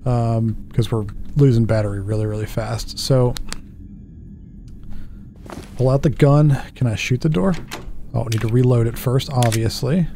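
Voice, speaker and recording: Here a man in his thirties, a gaming YouTuber, narrates a relaxed let's play indoors at home, wondering aloud and questioning himself along the way. The voice is mid-range, gravelly yet mellow, at a moderate pace with frequent pauses, and there's slight background noise.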